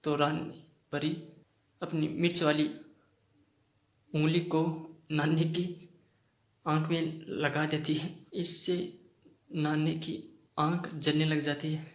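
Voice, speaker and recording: A man casually retelling a story as channel host, with plain delivery, frequent pauses and fillers. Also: a little high, little pitch movement. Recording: roomy echoey room.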